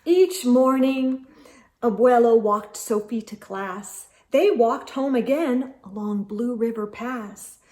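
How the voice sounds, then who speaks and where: A woman with a high-pitched voice hosts children's storytime, reading a picture book aloud at a slow pace. She's animated and emphatic, speaking directly to her young listeners in an expressive read-aloud style.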